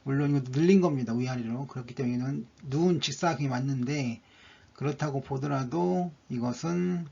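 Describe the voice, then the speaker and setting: Man, stock chart analysis narration, methodical, gravelly husky voice, dull lo-fi recording. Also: mid-range voice, a little fast, mellow. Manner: methodical, walks through indicators one by one.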